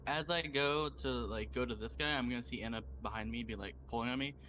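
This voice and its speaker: Male player, fast and excitable, faint noise under the voice. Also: medium pitch. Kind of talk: tabletop game play.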